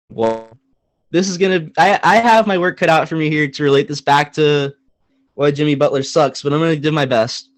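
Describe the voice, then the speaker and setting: A man's voice: fairly high pitch, no room sound. Joking young man co-hosting a sports podcast. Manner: animated, joking, emphatic repetition. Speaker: podcast co-host. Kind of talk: casual sports podcast chat.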